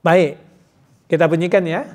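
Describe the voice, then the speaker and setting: A man teaching Quran pronunciation in a mosque hall, demonstrating letter sounds slowly and counting the class in before each repetition. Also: a little high, steady tone, darkish tone. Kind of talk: tajwid pronunciation lesson in a mosque study circle.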